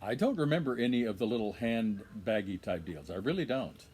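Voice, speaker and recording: A man's voice: lowish voice, expressive, brisk, a little mellow, slight background noise. Older man telling rambling stories. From Minnesota. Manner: rambling storyteller, many fillers. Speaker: interviewer. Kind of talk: casual interview.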